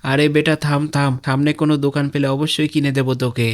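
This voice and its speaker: A man's voice: fairly high pitch, little pitch movement, fast talker, close to an everyday voice. A man voicing a brave, defiant father in a cartoon who stands up to a gang. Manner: forceful, pleading when cornered. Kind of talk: animated game-parody voice acting.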